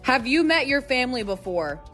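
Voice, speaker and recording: A woman's voice: high-pitched, sing-song, moderate pace, bright, forceful tone, soft background music, exaggerated voice. Woman playing a sassy teasing young sister. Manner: teasing, sassy, exaggerated reactions. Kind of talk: comedy sketch role-play.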